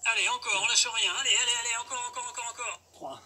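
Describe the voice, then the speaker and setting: Male gym-bro fitness coach, middle-aged, shouting reps and encouragement outdoors; distant mic, clear background noise. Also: very high-pitched, steady tone, racing. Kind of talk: workout instruction, counting reps. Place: outdoor garden terrace. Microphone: distant camera. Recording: outdoors from far off, noisy.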